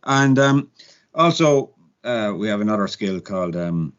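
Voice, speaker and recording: A man's voice: fairly low pitch, lively intonation, unhurried, clear, resonant tone, muffled recording. Chatty Irish man co-hosting. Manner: chatty, with frequent ums and restarts. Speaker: podcast co-host. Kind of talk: casual chat.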